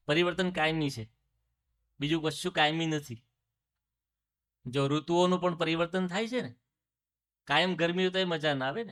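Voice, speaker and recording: A man with a Gujarati accent delivers a spiritual discourse, and his voice sits somewhat high for a man. He tells a story, puts rhetorical questions to the listeners, and slips English phrases into his talk. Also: a bit bright. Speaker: religious speaker.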